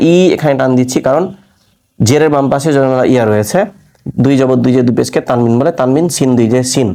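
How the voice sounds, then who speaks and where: Male teacher, mellow tone, slow spelled-out recitation drills, patient and repetitive. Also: mid-range voice. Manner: patient, repeats syllables, asks rhetorical questions. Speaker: Quran reading teacher.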